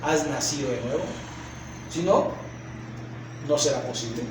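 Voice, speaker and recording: A male pastor with a Mexican Spanish accent preaching a sermon, asking rhetorical questions and acting out shouts. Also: mid-range voice, unhurried, background noise. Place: church sanctuary. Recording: echoey church hall from far off.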